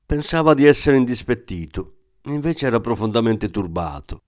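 A man narrating a novel in an even, measured reading voice. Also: mid-range voice. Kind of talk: audiobook narration.

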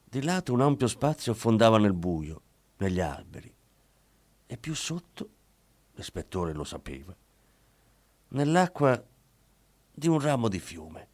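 A man reading a crime story aloud in measured, expressive scripted narration. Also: on the low side. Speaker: audiobook narrator. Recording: faint background music.

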